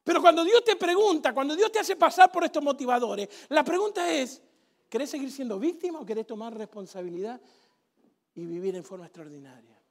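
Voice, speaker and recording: A man preaching a sermon, animated and sarcastic, leading the congregation in call-and-response. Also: extremely high pitch, brisk, creaky. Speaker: pastor.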